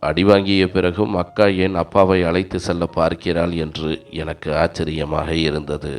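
A man narrating a first-person family story in a steady storytelling manner. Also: sits low, moderate pace. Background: faint music.

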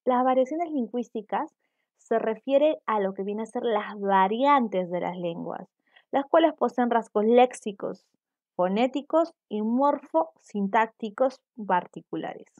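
A woman's voice: on the high side, lively intonation, measured pace, a little mellow, dull audio. Woman teaching a virtual class. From Peru. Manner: explanatory, asks students for confirmation.

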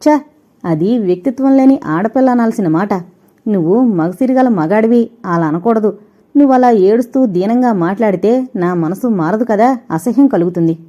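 A woman voicing an arrogant, scornful rich young woman who talks in quick, cutting bursts, on a dull lo-fi recording. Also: mid-range voice, lively intonation, mellow, natural voice.

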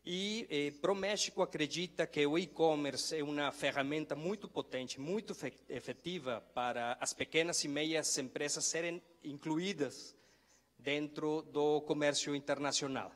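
A man's voice: fairly high pitch, moderate pace. A middle-aged man giving a conference presentation, hesitant and often correcting himself. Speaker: trade promotion representative. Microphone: handheld microphone. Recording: reverberant conference hall.

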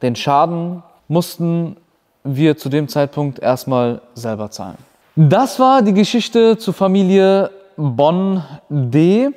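A man's voice: a little high, slow pace. Man telling a story in a reverberant room. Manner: animated retelling, acts out quoted dialogue. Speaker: car rental business owner. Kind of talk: storytelling vlog.

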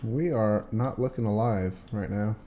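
A man's voice: on the low side, measured pace, lo-fi sound, slight background noise. A man streaming a game, chatting casually and joking with a friend. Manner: joking, teasing banter. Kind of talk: casual gaming chat.

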